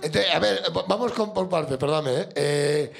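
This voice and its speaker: A middle-aged man from Spain with a gravelly, raspy voice hosts a live comedy show, joking and rambling with guests and the crowd. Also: a little high, normal speed. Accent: Spanish (Spain). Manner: jokey, rambling, self-mocking. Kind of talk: stand-up crowd work chat.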